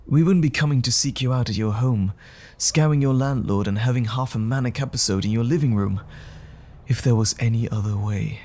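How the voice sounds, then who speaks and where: In an audio roleplay drama, a man plays a gentleman scientist who is troubled and apologetic. The voice is natural and mid-range, and the delivery is formal, anxious, and halting.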